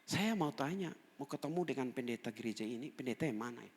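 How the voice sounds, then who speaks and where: A pastor quoting a humble, apologetic man who asks politely and hesitantly, in softer tones. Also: medium pitch, animated, fast talker, breathy edge. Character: humble, apologetic male newcomer. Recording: church hall reverb.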